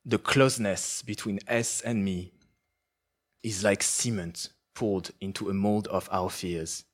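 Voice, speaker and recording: A man, an author, reads his prose in a measured, poetic way, then answers questions haltingly with restarts. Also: on the low side, steady tone. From France. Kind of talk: literary reading and interview answers.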